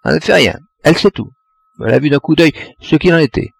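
Bossy old neighbor woman, brisk and talkative , as a man reads her, slightly raised pitch, gravelly edge. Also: expressive, exaggerated voice.

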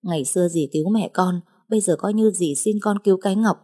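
A woman reads the part of a frantic middle-aged mother in an audiobook, tearfully begging with imploring insistence. Lowish, husky and dark, her voice lifts a little in her pleas, and she speaks at a quick pace.

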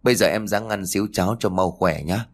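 A gentle older sister voiced by a man speaks quietly to comfort. The voice is low and soft. It is part of a read-aloud story. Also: a little fast. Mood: soothing.

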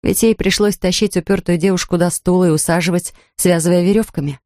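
A woman's voice: on the low side, brisk, no echo, clean studio sound. A woman narrating an audiobook expressively, acting out the dialogue. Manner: lively, acts out dialogue.

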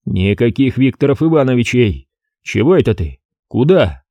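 A man voicing a gruff, impatient middle-aged police chief who talks in slang, in an audiobook. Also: medium pitch, sing-song, normal speed, dry recording, lo-fi sound.

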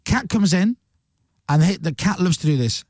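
A man hosting breakfast radio jokes and tells stories in a high, swooping voice. He speaks into a studio microphone, and the sound is dry and close. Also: normal speed, no room sound. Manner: animated, joking storyteller. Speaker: radio host.

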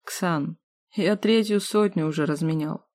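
A woman's voice: low voice, unhurried, darkish tone, no room sound, studio quality. A woman voicing a big, cheeky man who has lived for centuries, brash and mocking, in an audiobook. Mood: teasing.

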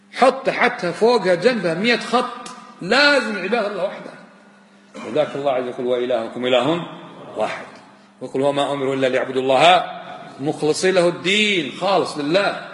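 A high-pitched man teaches a religious lesson as a sheikh. He stresses points by repeating words and throwing questions at his listeners. His voice rings with long reverb in a large hall or mosque. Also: fairly bright tone.

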